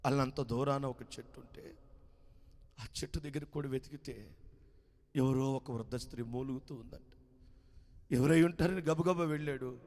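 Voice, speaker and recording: A man preaching, telling a sad story with great emotion, moving between hushed lines and loud wailing cries. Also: mid-range voice, moderate pace, long pauses, in a large hall.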